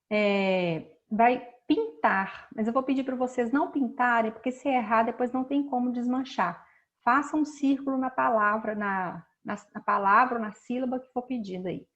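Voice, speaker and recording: Patient woman teacher slowly stressing syllables. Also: a little high, lo-fi sound. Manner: patient, slow and explanatory, stretching out words to stress syllables. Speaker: schoolteacher. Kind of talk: recorded remote class lesson.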